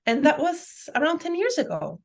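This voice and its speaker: With crowd noise behind her, this interview guest from Guatemala, who works as a life coach and family constellations practitioner, shares her story in an eager, emphatic, conversational way. She speaks at a moderate pace in a high, sing-song voice.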